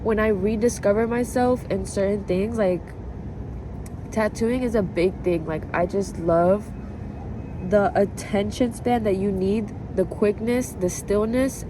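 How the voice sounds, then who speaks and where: A woman's voice: medium pitch, noisy background. A woman vlogger chatting casually and confessionally, rambling and introspective, repeating herself and often saying "like". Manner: rambling, introspective, frequent "like" and repetition. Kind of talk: casual confessional chat to camera.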